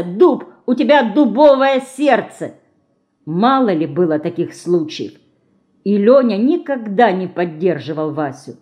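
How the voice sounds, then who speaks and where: A woman reading an audiobook, measured and expressive storytelling narration. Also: mid-range voice. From Russia. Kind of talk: scripted narration.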